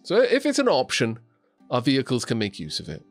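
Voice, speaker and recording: Streaming a building game from home in Scotland, a young man from Wales offers casual commentary, musing aloud and restarting now and then. His medium-pitched voice swoops wildly and moves fairly quickly, with faint music in the background.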